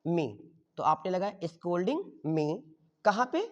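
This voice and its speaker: A man's voice: sits high, very animated, unhurried, darkish tone. Male tutor, quizzing style, keeps checking the class understands; recorded dull with a long reverb tail. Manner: quizzes the class and answers his own questions; checks in with "okay?" after each step. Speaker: teacher. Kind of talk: grammar lesson.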